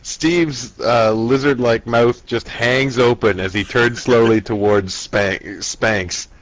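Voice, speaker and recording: A man acting as game master, narrating a tabletop fantasy game casually in a halting, improvised way. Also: mid-range voice, steady tone, no echo, low-quality recording.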